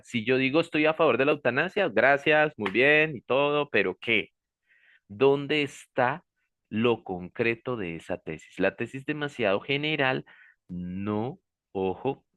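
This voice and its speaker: A man's voice: medium pitch, fairly bright tone, no echo. A man teaching a class, explaining step by step and often checking that students follow him. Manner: checks understanding with frequent "¿sí?" and "¿listo?"; gives warnings like "ojo" and "pilas". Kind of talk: classroom lecture.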